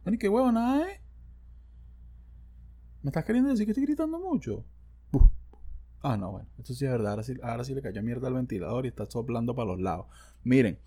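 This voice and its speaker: A man's voice: mid-range voice, very animated, fast talker, pauses often, dark tone, breathy edge. A man with a Venezuelan accent, hosting a casual solo podcast into a studio microphone, rambling and slangy with self-joking asides. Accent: Venezuelan Spanish. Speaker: podcast host.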